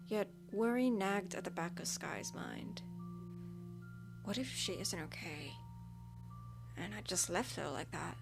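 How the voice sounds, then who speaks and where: A woman reading her own novel aloud in a steady, unpolished storytelling voice. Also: on the low side. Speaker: amateur audiobook reader. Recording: music playing behind the voice. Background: background music.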